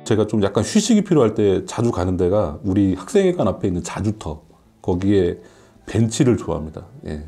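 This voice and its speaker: A man in his late forties with a fairly low, very mellow voice talks as a professor guest on a radio Q&A. He is candid and self-deprecating, speaking conversationally over background music. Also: very animated, a little fast. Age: late 40s. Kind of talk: casual radio Q&A chat.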